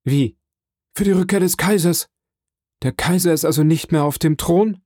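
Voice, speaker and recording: A man's voice: high-pitched, expressive, normal speed, mellow, slightly rough, no echo, studio quality, voice pushed up, exaggerated voice. A man voicing an old male prisoner who speaks from behind a wall and asks terse, urgent questions. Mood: probing.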